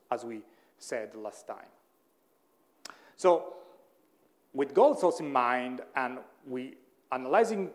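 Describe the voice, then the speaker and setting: Man lecturing, checking in with "hmm?". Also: medium pitch. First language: Italian. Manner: thinking aloud, frequent "hmm?" checks with listeners, self-corrections. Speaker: university lecturer. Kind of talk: classroom lecture.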